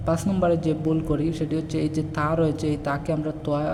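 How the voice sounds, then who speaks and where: A man teaching Quran recitation, explaining pronunciation and slowly chanting the verses in a drawn-out melodic style. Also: on the high side, flat delivery, noisy background. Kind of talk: explaining recitation mistakes in Bengali. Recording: long reverb and faint music.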